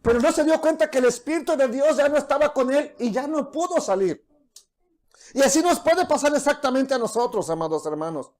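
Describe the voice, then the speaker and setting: A middle-aged pastor delivers a sermon to his congregation. He keeps breaking into small acted-out dialogues, dropping to a hushed, low voice for the people he quotes. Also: lively intonation, brisk.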